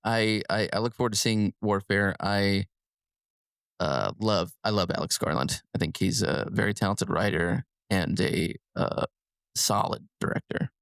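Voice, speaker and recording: A man's voice: on the low side, a little slow, vocal fry, a bit bright, no room sound, clean studio sound. A man co-hosting a casual film podcast. He chats loosely, laughing often and restarting his sentences. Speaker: podcast co-host.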